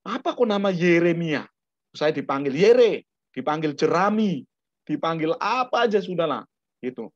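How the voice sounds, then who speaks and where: A middle-aged man from Surabaya, Indonesia, leads a discipleship class in a fairly high, sing-song voice at normal speed, chatting through anecdotes and often checking that listeners understand. The recording is dry, dull, and lo-fi.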